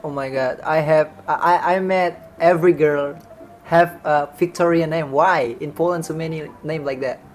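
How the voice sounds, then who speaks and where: This Indonesian host, who sings to strangers on video chat, keeps the banter playful and teasing and often laughs at his own jokes. His voice sits on the high side with fairly even intonation, and he talks at a moderate pace while music plays faintly behind him.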